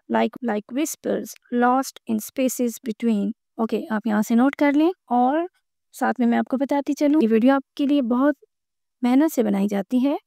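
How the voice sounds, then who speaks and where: A woman explaining a school textbook lesson, reading the English lines slowly and then explaining them in Urdu. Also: high-pitched, vocal fry, dark tone, no echo, studio quality. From Pakistan. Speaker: teacher.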